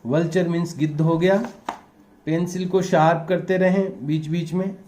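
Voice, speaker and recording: A man teaching a young class, slowly spelling out words letter by letter and giving patient handwriting instructions. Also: a little high, fairly even intonation, a little mellow. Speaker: primary school teacher. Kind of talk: slow classroom dictation lesson.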